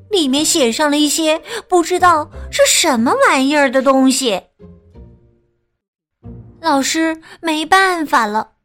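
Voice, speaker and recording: Slow, lively-voiced woman storyteller. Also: sits high. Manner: gentle, sing-song, drawn-out storytelling. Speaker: children's storyteller. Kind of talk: bedtime picture-book narration.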